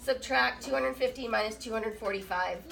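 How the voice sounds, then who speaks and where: A woman's voice: a little high, normal speed, gravelly, fairly bright tone, poor audio. A woman teaching a math class while sick. She asks her students questions and jokes with them. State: sick, rough voice. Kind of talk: classroom lesson.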